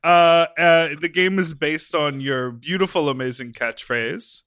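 A man's voice: on the high side, a little slow, a bit bright, clean tone, no room sound, studio quality. A man hosting a casual chat. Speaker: podcast host.

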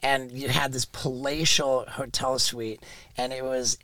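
A man's voice: medium pitch, flat delivery, measured pace, bright, forceful tone, dry recording, rough recording. A man hosting a podcast, chatting eagerly about shared memories. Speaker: podcast host. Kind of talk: casual chat.

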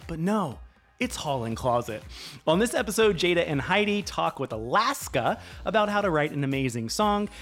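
A man introducing a podcast in an upbeat, conversational announcer style. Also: on the high side. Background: music.

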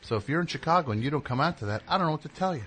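A man hosting a live radio show, rambling in casual chat with sudden loud yelled bursts. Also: fairly high pitch, lively intonation, very fast, faint music behind.

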